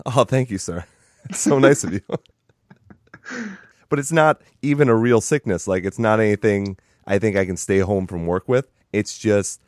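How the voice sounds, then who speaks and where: A man's voice: lowish voice, lively intonation, a little slow, no echo. A young adult man hosting a podcast in casual chat, congested from sinus trouble, with a dry, self-mocking humor. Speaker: podcast host.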